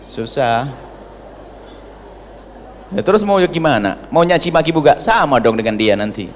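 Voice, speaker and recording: A male preacher delivers a sermon in a rather high voice, lively and emphatic. He swings between loud, stressed phrases and hushed remarks. The recording has a long, hall-like reverb. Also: a little slow, slight background noise. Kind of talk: religious sermon.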